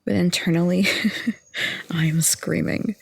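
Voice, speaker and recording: A young woman in her twenties rambles in a calm, soft-spoken ASMR chat, laughing lightly now and then. Her voice sits a bit low, husky and full of vocal fry. It is recorded close up and dry. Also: takes it slowly. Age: 20s. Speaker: ASMR audio creator.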